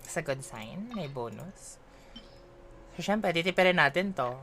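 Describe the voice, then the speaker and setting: Loud music sits behind this woman's low, lively voice as she chats at a moderate pace while gaming on stream. With a Filipino accent, she mixes English and Filipino, playful and self-teasing.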